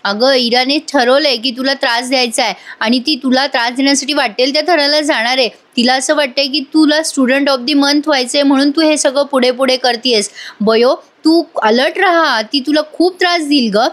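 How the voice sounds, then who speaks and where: A woman's voice: high voice, moderate pace, fairly bright tone. A woman voicing a young woman friend who warns in an earnest, urgent way. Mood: worried. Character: caring young woman friend, worried and warning.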